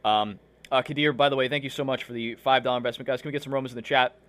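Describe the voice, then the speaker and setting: Speaking rapid-fire in a mid-range, fairly bright voice with fairly even intonation, this livestream host chats casually with viewers. He rambles, leans heavily on fillers, and keeps restarting as hiccups interrupt him.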